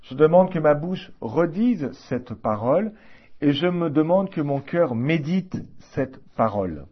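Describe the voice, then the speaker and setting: A man teaching a class on liturgy in an informal, halting way, with many fillers and restarts. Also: on the high side, big pitch swings, breathy edge, highs cut off.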